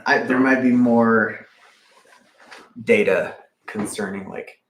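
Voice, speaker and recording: A man co-hosting a casual book discussion who talks haltingly, searches for his words and swears. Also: medium pitch, roomy sound, slight background noise. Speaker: podcast co-host.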